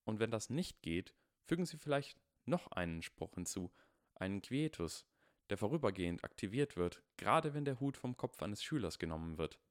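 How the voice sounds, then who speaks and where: A man voicing a precocious, earnest young boy who reasons carefully and deliberately, as in an audiobook. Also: lowish voice, big pitch swings, no echo, clean studio sound. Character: precocious earnest eleven-year-old boy wizard.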